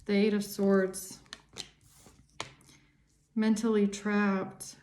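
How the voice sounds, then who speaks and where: A woman's voice: medium pitch, little pitch movement, drawn-out words, dark tone, slight background noise. A woman giving a casual tarot reading to camera, talking earnestly and rambling, often repeating words for emphasis. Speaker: tarot reader and psychic channeller. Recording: roomy echo.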